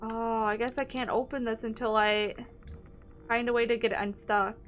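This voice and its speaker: A woman's voice: on the high side, flat delivery, normal speed, soft background music. A young woman streaming a horror game, thinking aloud in casual commentary with lots of fillers and hesitations.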